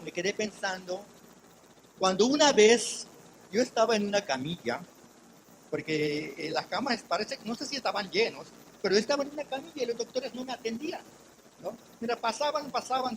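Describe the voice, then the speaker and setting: High-voiced older pastor preaching. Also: male voice, expressive, normal speed, a little hiss or hum, rough recording. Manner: emotional testimony, swinging from quiet to loud. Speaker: missions pastor. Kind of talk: sermon. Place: church.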